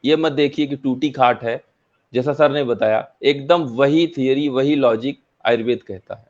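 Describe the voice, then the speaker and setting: A man who practises Ayurveda, calmly and methodically answering a panel question and repeating key terms. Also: mid-range voice, normal speed. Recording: slightly dull lo-fi audio.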